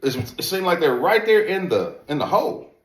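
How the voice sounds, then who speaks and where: A slightly high, animated male voice at normal pace presents duck calls in a relaxed product demonstration. He talks in an emphatic, repetitive, folksy way, recorded in an echoey room.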